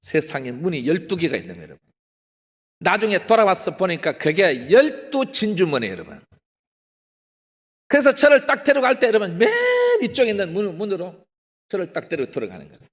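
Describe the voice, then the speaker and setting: A man's voice: high-pitched, a little fast. A male pastor with a Gyeongsang accent, preaching a testimony sermon and calling out to the congregation. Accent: Gyeongsang Korean. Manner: animated, often addresses the congregation, acts out his own excited pleading. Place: prayer retreat hall. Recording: long hall reverb.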